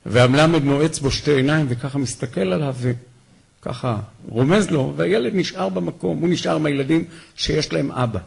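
A man giving a memorial talk, telling heartfelt, animated stories about his rabbi. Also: a little high, gravelly, slightly rough.

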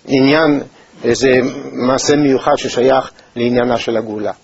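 A man teaching a Torah lesson in a measured, thoughtful way, with pauses and hesitations. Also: medium pitch, husky. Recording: dull, lo-fi recording.

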